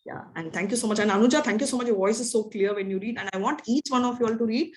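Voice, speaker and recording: A chatty woman spiritual teacher whose first language is Telugu talks casually to an online class, rambling and often asking "right?". Her voice is on the high side and she races along.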